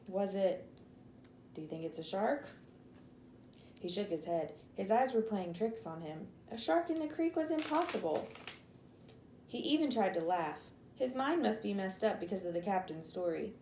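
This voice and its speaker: A woman's voice: medium pitch, mellow, echoey room, slight background noise, poor audio. A woman teacher reads a chapter book aloud to her class, lifting her voice for the characters' lines and stopping now and then to explain a word.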